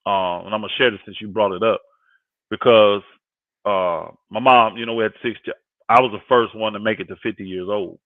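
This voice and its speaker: This man, fifty, guest co-hosts a live sports panel in a lowish voice with fairly even intonation and a fairly quick pace. His commentary is casual and emphatic, full of repeated phrases to drive points home, recorded dry with a thin, phone-like sound.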